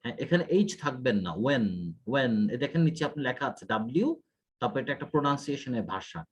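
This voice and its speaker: Husky man giving IELTS feedback. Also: mid-range voice, lively intonation, racing, dull audio. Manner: corrective, explains mistakes point by point. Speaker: IELTS speaking tutor. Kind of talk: one-on-one feedback lesson.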